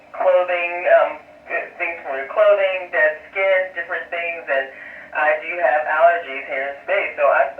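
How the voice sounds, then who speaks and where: A man speaks over a space radio link in a slightly high voice, answering questions as an astronaut would from orbit. He explains plainly and pauses as he goes. The sound is muffled, echoey and distant. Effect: space radio transmission. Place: aboard a space station. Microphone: ham radio.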